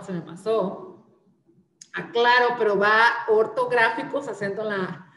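A woman's voice: medium pitch, roomy sound. A woman instructor giving an online class presentation with slides, explaining step by step with frequent "eh" fillers and restarts.

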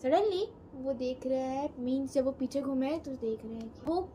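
A teenage girl with a high voice tells a horror story at home, talking fast and animatedly. She slips English words in and out as she goes. The phone recording carries a faint background hum. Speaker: co-host storyteller. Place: indoor room, on a sofa.

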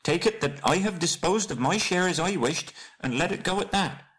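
A man narrating puts on a small, timid hobbit for a storybook. The voice is squeaky and lifted high, meek in manner but politely insistent. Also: lively intonation, moderate pace, fairly bright tone, poor audio. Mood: flustered, polite.

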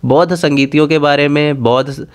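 A man's voice: a little high, steady tone, moderate pace, clean tone. A man teaching an exam-prep lesson in a casual way, repeating key points and asking the viewer quiz questions.

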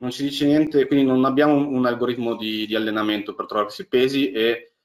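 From a small indoor room, a man gives a deep learning lecture over a webcam on a video call. His mid-range voice stays level and brisk, and as he walks through the slides he often restarts and leans on fillers.

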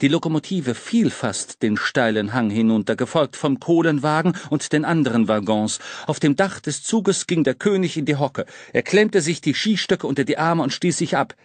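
Lively male audiobook narrator, dry studio sound. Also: a little high, moderate pace, few pauses, dry recording. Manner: lively, dramatic storytelling. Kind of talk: scripted narration.

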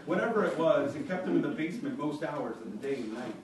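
A male author at a college event, reading his own fiction aloud in a measured, wry way. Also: a little high, lively intonation, a little hiss or hum. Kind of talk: literary reading. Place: college lecture room. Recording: very echoey room, mic far off.

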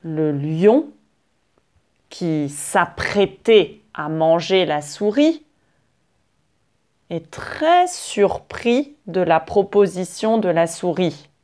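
A woman teaching French, telling a fable to learners in very clear, repetitive phrasing. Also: lowish voice, lively intonation, extremely slow, a little mellow. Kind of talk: slow storytelling for learners.

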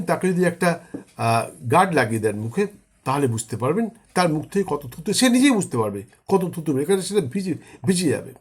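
A man teaching the steps of a ritual, explaining each step plainly and then chanting the mantras slowly and solemnly. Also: high-pitched, breathy edge. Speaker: astrologer teaching puja rituals. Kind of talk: spoken ritual instruction.

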